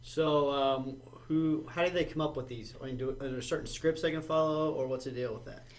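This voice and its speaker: A man hosting a casual business podcast, relaxed and asking questions with plenty of fillers. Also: on the high side, a little fast. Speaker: podcast host.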